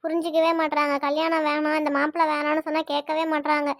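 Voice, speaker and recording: A woman voicing a tearful, resigned young adult daughter in a cartoon, speaking in Tirunelveli Tamil with sad, pleading, quick talk. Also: sits high, monotone, no room sound, clean studio sound. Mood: upset. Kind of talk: cartoon dialogue.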